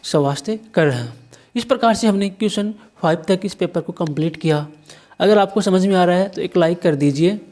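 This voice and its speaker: Here a teacher from India works through an exam paper at a slightly fast pace, spelling words letter by letter and answering the questions they raise. The voice is mid-range with a darkish tone.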